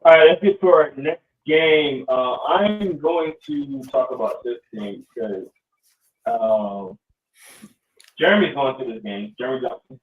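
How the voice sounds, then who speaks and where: This podcast host has a mid-range voice and speaks a little slowly as he wanders through relaxed sports chat, peppered with plenty of ums. The audio sounds distant, echoey, and phone-like.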